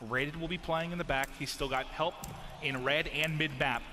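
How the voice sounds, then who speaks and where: A man's voice: on the high side, steady tone, normal speed, background noise. A man commentating as an esports caster, calling play-by-play in emphatic, punchy short phrases.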